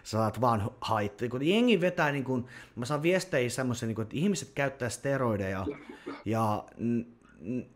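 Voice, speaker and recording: A man's voice: mid-range voice, animated. A man hosting a podcast, talking bluntly and heatedly, swearing a lot. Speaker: podcast host. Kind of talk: casual podcast rant.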